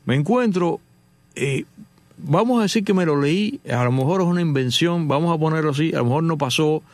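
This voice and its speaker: A middle-aged man from Cuba, hosting and telling a story in an animated way, acting out the dialogue. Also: fairly high pitch, fairly quick, dry recording. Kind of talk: casual storytelling monologue.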